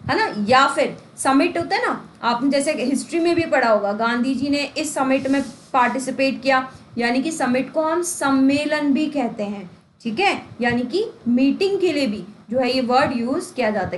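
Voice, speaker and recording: A woman's voice: sits high, moderate pace, a little hiss or hum. A woman teacher giving an exam-prep lesson, explaining with rhetorical questions and everyday examples. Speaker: English teacher. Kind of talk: exam-prep lesson in Hindi-English mix. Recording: echoey room, faint ambience.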